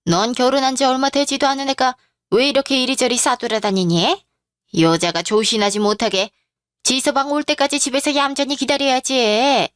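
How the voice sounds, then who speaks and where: A woman voicing a domineering, sharp-tongued older mother-in-law in a radio drama, with a scolding manner. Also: high-pitched, steady tone, normal speed, no echo, studio quality, lightly acted.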